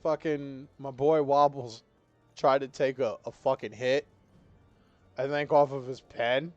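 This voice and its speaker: A man's voice: medium pitch, steady tone, a little slow, lo-fi sound, faint music behind. Profane, laid-back young male streamer. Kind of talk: casual live-stream chat while gaming.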